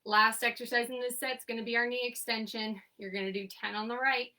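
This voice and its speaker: A woman's voice: fairly high pitch, flat delivery, a little fast, bright, forceful tone, far from the mic. A young woman leading a seated exercise class, counting repetitions and giving short coaching cues. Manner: counting reps aloud, upbeat coaching cues. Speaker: exercise instructor. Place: home, remote class. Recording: voice from away from the mic.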